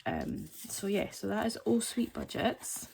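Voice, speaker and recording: A woman's voice: mid-range voice, huge pitch swings, measured pace, vocal fry, darkish tone. A woman in her forties, chatting in a rambling way while showing her budgeting items, with playful self-mocking jokes. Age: 40s. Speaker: budgeting vlogger. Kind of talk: casual chat. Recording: crinkling packaging noise close to the mic.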